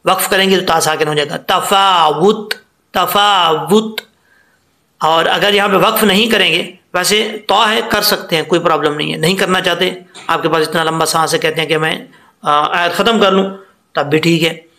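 High-pitched man teaching recitation. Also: sharp tone, reverberant. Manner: patient, explains letter by letter, drawn-out demonstration words. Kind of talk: tajweed lesson.

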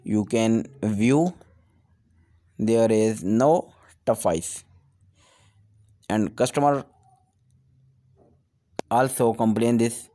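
A man's voice: fairly low pitch, dark tone. Pakistani-accented man giving repair instructions. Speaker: technical tutorial host.

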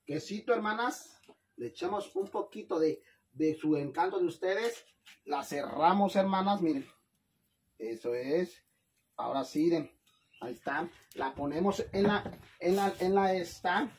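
A man's voice: high voice, measured pace. A man with a Mexican accent chatting casually while he cooks on camera, playful and campy, and he laughs often. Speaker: vlogger cooking on camera. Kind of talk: casual live cooking chat.

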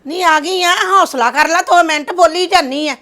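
A woman's voice: very high voice, normal speed, a bit bright. A woman playing an older mother who fusses over and questions her visiting married daughter in a family drama. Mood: fussing. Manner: fussing, questioning.

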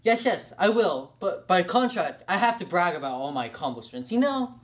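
A man's voice: high voice, sing-song, normal speed. Young man as a boastful, dim warrior hero. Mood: casual bragging. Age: young adult. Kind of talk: amateur comedy sketch acting.

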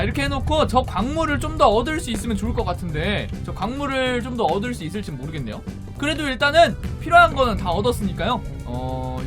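This let's-play commentary comes from an excitable gaming creator with a mid-range voice who addresses viewers directly and lets out yelps and shouts whenever something startles them.

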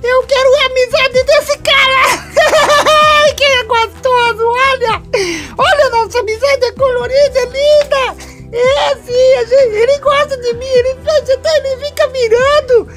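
Squeaking at an extremely high pitch with a Brazilian Portuguese accent, the little male toy doll stretches his words slowly into a tearful, whiny plea, giggling often and sounding giddy and delighted. His fairly even, slightly bright voice, needy for friends, narrates a home video comically over faint background music.

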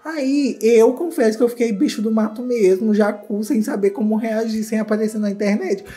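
A man's voice: sits high, steady tone, moderate pace, dark tone. Campy Brazilian man, gushing commentary. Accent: Brazilian Portuguese. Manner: campy, exclamatory, gossipy. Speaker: YouTuber host. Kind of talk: comedic reaction commentary.

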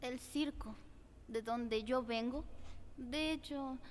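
A woman voicing a gentle, anxious young woman in a cartoon, speaking hesitantly and caringly. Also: high-pitched, slow, in a large hall, a little hiss or hum. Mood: gently reassuring. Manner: hesitant, soft-hearted.

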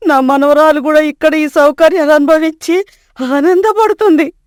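Woman doing a storybook old grandmother, high-pitched, pleading, homesick, dry recording. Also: steady tone, moderate pace, a little mellow, no echo, lightly acted. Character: poor old village grandmother, homesick and gentle. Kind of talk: storybook voice acting.

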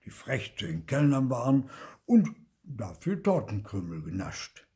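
A man's voice: medium pitch, very animated, unhurried, warm tone, breathy edge, voice pushed up, heavily acted. A man voicing a big, stern old uncle ghost who speaks in a pompous, indignant tone.

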